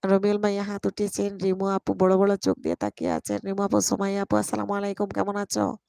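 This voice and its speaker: A woman's voice: medium pitch, fast, vocal fry, dark tone, dry recording. A young woman hosting a casual live stream on her phone, greeting viewers one by one by name, affectionate and playful.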